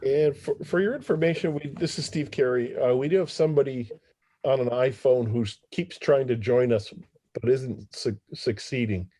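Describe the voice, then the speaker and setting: A man's voice: mid-range voice, moderate pace, warm tone. A man politely moderating an online meeting in a courteous conference-call manner. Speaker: meeting host and technical moderator. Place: remote video conference call.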